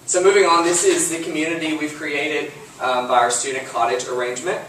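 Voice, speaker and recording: A man's voice: fairly high pitch, fairly even intonation, a little fast, fairly bright tone. A young man from Texas giving a student project presentation, walking methodically through slides with frequent ums and uhs. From Lufkin, Texas. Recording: distant mic in an echoey room with faint noise.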